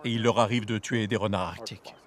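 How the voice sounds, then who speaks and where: Measured man explaining field research. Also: fairly low pitch, steady tone. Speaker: wildlife researcher. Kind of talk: documentary expert explanation.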